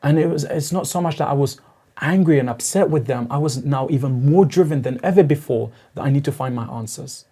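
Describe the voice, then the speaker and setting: Speaking briskly in a medium-pitched, dark, slightly rough voice, a young East African man shares his spiritual journey as a podcast guest. The personal, reflective telling is earnest and searching and grows in intensity.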